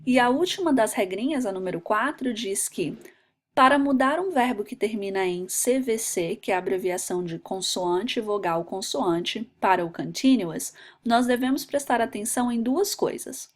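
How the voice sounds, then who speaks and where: A woman's voice: a little high, animated, moderate pace. A woman teaching English grammar in a video lesson, patient and methodical, spelling out letters one by one.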